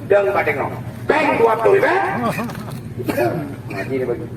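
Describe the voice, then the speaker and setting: A man with an Acehnese accent gives a joking, bantering sales pitch as a street medicine seller outdoors. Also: huge pitch swings, a little slow. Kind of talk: comic open-air sales pitch. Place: outdoors in a town square. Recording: distant, echoey, noisy outdoor recording.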